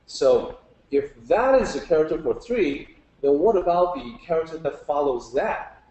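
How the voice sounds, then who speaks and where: With big pitch swings and a warm, fairly high voice, he speaks unhurriedly, and the recording's highs are cut off. The echoing live talk has him patiently breaking down Chinese characters for a group and posing questions to them.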